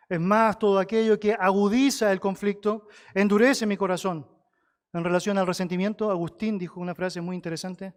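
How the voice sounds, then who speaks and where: A male pastor preaching a sermon. He climbs high and loud to stress a point, then drops soft to repeat key phrases. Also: clean tone. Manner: rises sharply in pitch and volume for emphasis, drops low to repeat key phrases.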